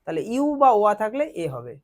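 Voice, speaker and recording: A man's voice: sits high, big pitch swings, fast. A man teaching a grammar lesson in a classroom, explaining step by step and quizzing his students as he goes.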